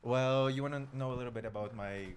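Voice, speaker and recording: A young man from Ukraine, a guest on a casual radio chat, talking in a soft, hesitant and playful way. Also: mid-range voice, fast talker, a little hiss or hum.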